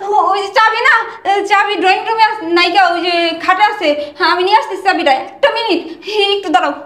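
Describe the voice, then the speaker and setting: A woman's voice: very high voice, fast, a bit bright, reverberant. A woman playing a flustered, scheming daughter. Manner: flustered, stammering, placating. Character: nervous scheming daughter hiding her sick father.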